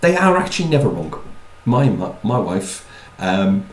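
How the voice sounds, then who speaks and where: A man's voice: lowish voice, very animated, a little slow, roomy sound, low-quality recording. A man giving a chatty talk on personality types, with wry asides and repeated words. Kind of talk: talk to an audience.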